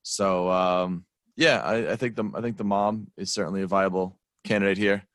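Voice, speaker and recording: A man with a lowish voice, recorded close and dry, rambling bluntly through a movie discussion. His talk is full of fillers like "um" and "like.". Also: steady tone, normal speed, a bit bright, no echo. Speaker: podcast co-host. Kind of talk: casual movie review chat.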